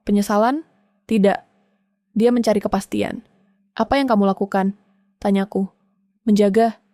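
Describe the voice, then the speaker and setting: A woman telling a first-person domestic drama in a calm, measured way, in short, clipped sentences. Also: medium pitch, no echo, clean studio sound. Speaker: storyteller.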